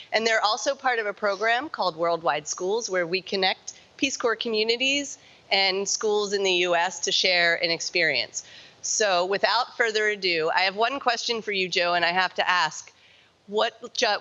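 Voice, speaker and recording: A woman's voice: mid-range voice, sharp tone, highs cut off. A woman hosting a live link-up event as a representative, upbeat and chatty. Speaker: event host, Peace Corps representative.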